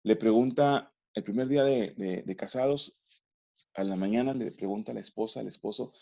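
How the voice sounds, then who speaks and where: A man teaching a remote grammar lesson, patient and methodical, pausing to ask if it's clear. His voice is dark and gravelly, heard through a dull, lo-fi recording. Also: fairly low pitch. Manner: patient, explanatory, often checks understanding.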